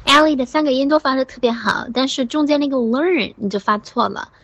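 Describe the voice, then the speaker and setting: A woman teaching English pronunciation in an online class, patient, saying words slowly and praising her students. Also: high voice, fairly bright tone, dry recording, highs cut off.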